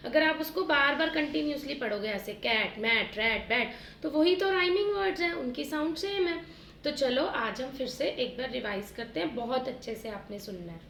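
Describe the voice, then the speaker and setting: A woman teacher giving a phonics lesson to young children, sounding out rhyming words slowly and repeating them in drills. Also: high-pitched, gravelly, a bit bright, reverberant, slight background noise. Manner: slow, drawn-out word drills addressed to children as "beta". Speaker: primary school teacher.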